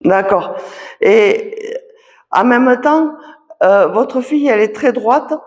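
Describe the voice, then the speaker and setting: In a reverberant association conference hall, a woman magnetiser gives readings at a public talk, slow yet animated. Her voice is somewhat high and darkish, and her halting delivery is sprinkled with "voilà" and "d'accord."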